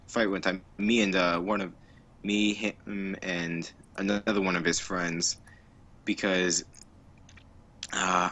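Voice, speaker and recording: A man's voice: low-pitched, sharp tone. A man on a casual podcast, rambling through a story with lots of fillers and restarts. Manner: rambling, filler-heavy, with frequent laughs. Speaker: podcast co-host.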